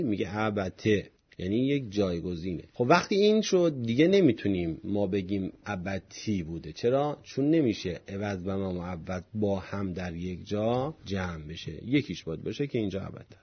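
A man teaching a grammar lesson on Quranic Arabic, explaining each point in small steps with a husky voice. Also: fairly low pitch, lo-fi sound. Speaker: religious studies teacher.

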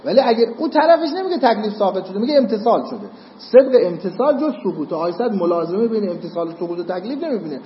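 A man lectures a seminary class on Islamic jurisprudence, explaining step by step and frequently asking "got it?" to check his students follow. His voice sits high with big pitch swings. The sound is muffled and lo-fi, echoing in a hall with slight background noise.

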